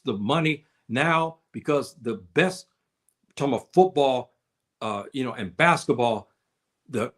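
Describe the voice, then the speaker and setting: Halting man hosting a live chat. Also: mid-range voice. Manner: repetitive, halting with many fillers. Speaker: livestream host reading chat. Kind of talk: casual livestream talk. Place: indoors, living on the African continent.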